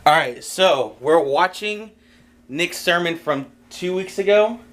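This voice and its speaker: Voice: mid-range voice, lively intonation, takes it slowly, fairly bright tone, slight background noise. A vlogger chatting casually and trading playful, argumentative banter. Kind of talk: casual vlog chat.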